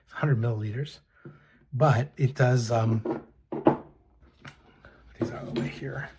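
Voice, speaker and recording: A middle-aged man casually reviewing fountain pens and inks, talking in a soft, hesitant way with many fillers and restarts. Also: medium pitch, steady tone, a little slow, very noisy. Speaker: pen and ink reviewer. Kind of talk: casual show-and-tell review.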